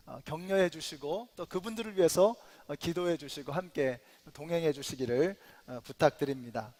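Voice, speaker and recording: High-voiced pastor preaching in a reverberant church. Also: male voice, a little mellow. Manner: conversational, with filler sounds and rising emphatic build-ups. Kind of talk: sermon. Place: church sanctuary. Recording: long reverb of a church hall.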